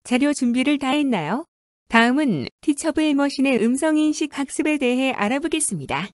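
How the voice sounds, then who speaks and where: A woman teacher giving a clear, scripted coding lesson narration. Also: high voice, moderate pace, dry recording, studio quality. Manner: clear, even, instructive.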